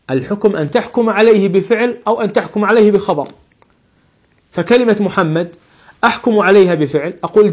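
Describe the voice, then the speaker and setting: A man with a somewhat high, husky voice teaches a grammar class. He works slowly through example words, repeats each one, and poses questions that he answers himself. His delivery is patient and methodical.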